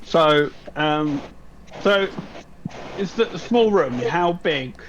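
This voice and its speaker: Very slow-talking man at a game table. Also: a little high, expressive, highs cut off, slight background noise. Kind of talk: casual chat.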